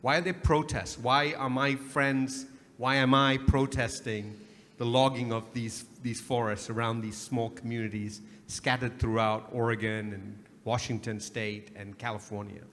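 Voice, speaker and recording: A man's voice: medium pitch, little pitch movement, measured pace, a bit bright. A man from Sri Lanka speaking on a conference panel, arguing emphatically and posing rhetorical questions. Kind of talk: panel discussion. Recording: reverberant conference hall, faint hum.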